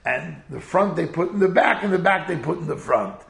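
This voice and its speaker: Animated, gravelly Yiddish-inflected male preacher. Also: fairly high pitch, fairly quick, reverberant. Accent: Yiddish-inflected American English. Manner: animated storyteller, sprinkling Hebrew and Yiddish words. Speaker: rabbi giving a Torah talk. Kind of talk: informal sermon with storytelling.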